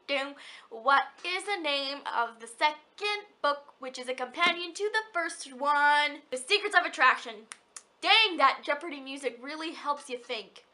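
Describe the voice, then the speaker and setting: A woman's voice: high-pitched, sharp tone. A young woman vlogging about books, gushing and rambling in a hyper way, with many restarts. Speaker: book vlogger. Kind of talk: casual chat.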